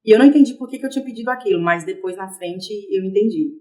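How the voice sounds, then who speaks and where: A young adult woman, a podcast guest, telling her personal story in a casual, lively interview. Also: mid-range voice, rapid-fire.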